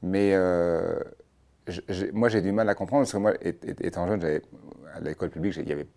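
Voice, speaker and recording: A man's voice: sits low, fairly quick, mellow. A man hosting an interview, asking long, rambling questions that he rephrases as he goes. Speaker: interview host. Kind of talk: conversational interview.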